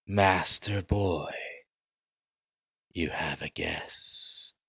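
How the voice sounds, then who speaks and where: A man voicing a quiet, formal male gatekeeper servant, speaking slowly and softly. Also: sits low, fairly even intonation, no room sound, clean studio sound, heavily acted. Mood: solemn. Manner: slow, hushed and formal.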